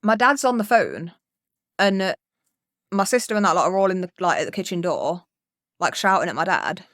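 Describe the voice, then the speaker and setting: In clean studio sound with no echo, a podcast co-host casually recounts a meandering childhood tale, swearing liberally and performing other people's lines. She's a young woman whose fairly low, fairly bright voice stays animated at a moderate pace.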